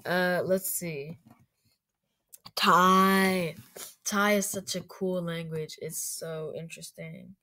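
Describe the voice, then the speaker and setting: A young woman chats her way through a casual vlog, rambling from one thought to the next. Her voice sits slightly low, and her talk is loose and unpolished. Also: steady tone, measured pace, few pauses. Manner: rambling and chatty, full of fillers. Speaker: YouTuber. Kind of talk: casual screen-recording vlog commentary.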